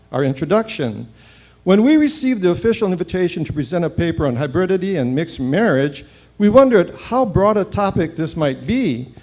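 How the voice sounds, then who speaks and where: A man in his seventies from Hawaii, presenting at a conference and reading his paper aloud in a brisk, formal way. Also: high voice, darkish tone. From Hawaii, United States. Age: 70s. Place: seminary conference hall.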